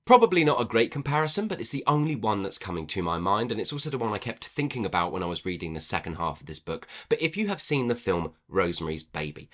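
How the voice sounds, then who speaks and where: Animated low-voiced man reviewing a book. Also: quick pace, hardly any pauses. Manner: animated and playful, self-mocking asides. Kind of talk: casual book review to camera.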